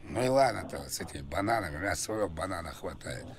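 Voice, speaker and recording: A man's voice: deep voice, lively intonation, fast talker, crowd noise. A man making a prank call to order food, rambling and repeating himself with frequent tag questions. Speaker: prank caller and streamer. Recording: noisy background hiss and ambience.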